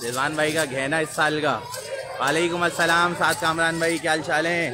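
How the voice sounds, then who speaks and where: Outdoors on a city street, a Pakistani livestream host talks briskly in a level, slightly high voice, with music playing behind him amid busy street noise and crowd chatter. Chatty by nature, he walks viewers through the scene, greets them by name and repeats "mashallah" often.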